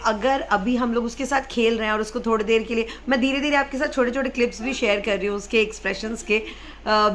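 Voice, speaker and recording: A woman's voice: fairly high pitch, fairly bright tone, a little hiss or hum. A woman in her thirties, a mother chatting casually to camera in a vlog, mixing in English phrases and hurrying along. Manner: hurried, wrapping up quickly. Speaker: parenting vlogger and mother.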